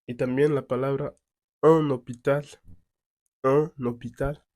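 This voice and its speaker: Man, French teacher, unhurried, mid-pitched voice, dry close sound. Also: fairly even intonation, a little mellow, no echo. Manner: repeats each French word slowly and clearly. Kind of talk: slow beginner quiz lesson.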